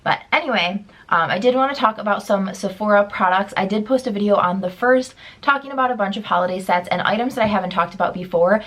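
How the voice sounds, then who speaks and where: Sick, nasal-voiced young woman vlogger. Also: fairly bright tone. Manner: lower energy, upbeat product talk. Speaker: beauty vlogger. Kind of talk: casual chat to camera.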